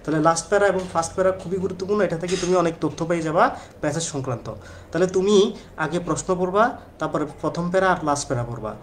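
Guy tutoring for admission tests, talks fast and chatty, keeps repeating himself, bit of background noise. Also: on the high side. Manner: chatty, repeats points, addresses students directly. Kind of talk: casual exam-prep lecture.

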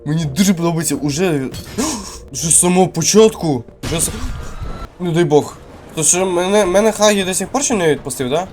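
Man with a Ukrainian accent, gameplay commentary, slightly high voice, jumpy and muttering, faint game music behind. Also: brisk. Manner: excitable, jumpy, mutters to himself. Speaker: gamer playing a horror game. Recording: game music playing underneath.

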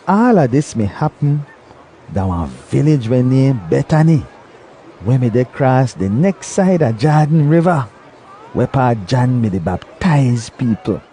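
A man's voice: mid-range voice, big pitch swings, unhurried, dark tone, slight background noise. A man with a Belizean Kriol accent, narrating a scripted story.

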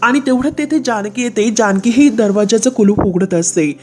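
Mellow-voiced woman recapping a serial. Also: fairly high pitch, moderate pace, soft background music. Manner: plain storytelling, steady quoting of dialogue. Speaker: recap narrator. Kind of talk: retelling a TV serial episode.

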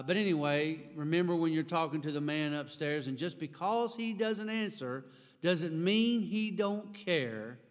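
Pastor preaching in a reverberant hall. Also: male voice, a little high. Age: 40s. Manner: emphatic, gesturing widely, rising for emphasis. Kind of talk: sermon. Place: church sanctuary with chairs behind. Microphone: stand mic at a pulpit. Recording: long church-hall reverb.

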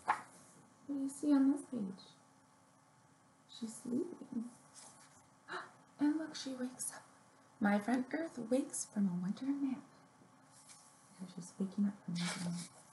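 Slow and animated with long pauses, a woman in her thirties uses her fairly high, darkish voice to give simple, encouraging instructions to young children at a story time she hosts. A webcam or laptop at arm's length records her, leaving roomy echo and noticeable background noise.

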